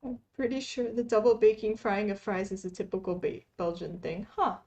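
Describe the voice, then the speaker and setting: A woman from Palestine streaming while she cross-stitches, chatting casually with viewers, reading chat aloud and laughing softly. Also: mid-range voice, steady tone, normal speed, dull audio. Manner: laid-back, chatty, frequent soft laughs, reads chat aloud. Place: home, lives in Taiwan.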